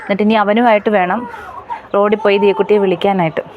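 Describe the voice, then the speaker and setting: A woman's voice: medium pitch, steady tone, fast, dull audio, a little hiss or hum. A young woman and mother chatting casually in a family vlog, coaxing and teasing small children.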